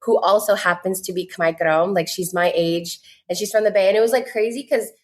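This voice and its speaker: With a steady tone and a mid-range voice, this American woman in her 20s speaks fairly quickly. As a content creator guesting on a podcast, she keeps the interview chatty and earnest, peppered with "like."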